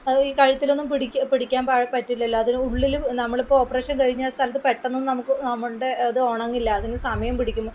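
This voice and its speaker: A woman commenting on another person's video, explaining in a steady way. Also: on the high side, fast, a little hiss or hum, low-quality recording. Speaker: YouTube commentator.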